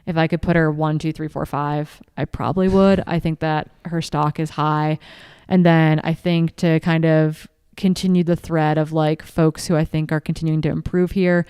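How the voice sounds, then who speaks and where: Clear low-voiced woman chatting eagerly. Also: dry recording, studio quality. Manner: quick, animated and enthusiastic, piling on "like". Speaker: podcast co-host and race commentator. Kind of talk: casual chat.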